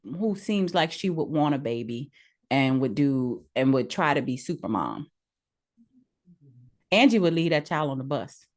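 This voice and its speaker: A woman in her forties co-hosts a podcast, chatting casually in a low, animated voice at a somewhat slow pace. She's frank and opinionated and laughs easily.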